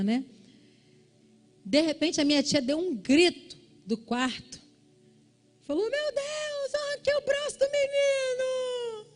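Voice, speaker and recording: A Brazilian woman pastor preaching in a church service with a high, bright voice. She tells stories vividly and jumps into shrill, excited voices for the people she quotes. Faint music sits behind her. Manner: animated, acts out shouting relatives in a high voice. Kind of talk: sermon with storytelling.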